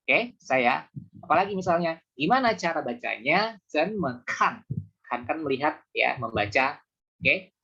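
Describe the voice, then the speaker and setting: A man teaching a beginners' Mandarin class online, explaining patiently and slowing down to repeat examples. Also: fairly high pitch, sing-song, vocal fry, sharp tone, breathy edge. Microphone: video call. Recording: muffled video call audio.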